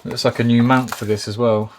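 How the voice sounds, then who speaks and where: A man's voice: medium pitch, flat delivery, brisk, background noise. A man casually reviewing a camera on his boat, easygoing and thinking aloud as he goes. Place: on and around a canal boat.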